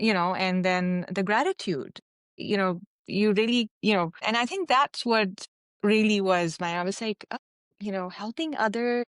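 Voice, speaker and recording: A woman from Pakistan, telling stories as an interview guest in a chatty, animated way with many fillers. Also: medium pitch, smooth, no echo, studio quality. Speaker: interview guest, physician and mountaineer. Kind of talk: casual interview storytelling.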